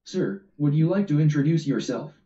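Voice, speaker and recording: A man voicing a smooth male event announcer with a showy delivery, recorded distant and roomy. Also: fairly high pitch, expressive, normal speed, dark tone, natural voice. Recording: roomy, distant, dull audio.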